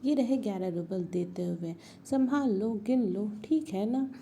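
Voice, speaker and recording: Woman reading as stern male employer, angry, deliberate, low dark tone, storybook reading. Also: vocal fry, a little hiss or hum. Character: stern middle-aged male employer, hot-tempered, lecturing.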